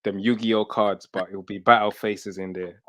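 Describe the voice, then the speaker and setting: A man's voice: on the low side, steady tone, moderate pace, a bit bright. A man in his thirties hosting a casual interview on a headset, putting his questions in a hesitant, rambling way. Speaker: host. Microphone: headset on a video call.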